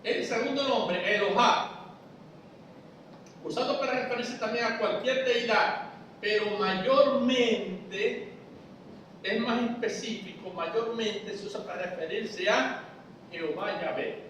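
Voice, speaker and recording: A high-pitched man speaks slowly from far off in a church hall full of echo. He explains step by step like a teacher and keeps asking the congregation whether they understand. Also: a bit bright, slight background noise. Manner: explains step by step, asks the audience if they follow. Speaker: preacher teaching a Bible study. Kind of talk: church Bible study lesson. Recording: echoey church hall, voice from afar.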